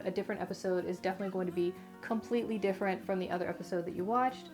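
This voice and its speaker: Casting: female vlog host, chatty and emphatic, mid-pitched, talking post wisdom tooth surgery, music behind her. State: mouth affected after wisdom tooth removal. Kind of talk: casual recommendation vlog to viewers.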